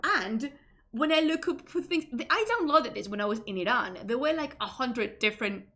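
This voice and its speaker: With an animated, fairly high and fairly bright voice at a moderate pace, a Spanish streamer chats in English with a Spanish accent. She keeps laughing and stopping herself mid-sentence to start over.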